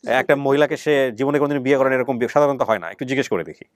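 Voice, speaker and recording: Heavy background noise surrounds this medium-pitched man, who speaks at a racing clip. He's the host of a family reunion show, interviewing in a conversational way with a Bangladeshi accent, explaining points and pressing guests with reworded questions.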